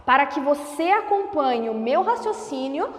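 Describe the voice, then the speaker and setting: A woman teacher with a high, lively voice walks through a whiteboard lesson, stretching words out slowly and carefully. She talks at an unhurried pace. The room rings with echo and a long reverb tail. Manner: slow, deliberate over-enunciation of sounds. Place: classroom with a whiteboard.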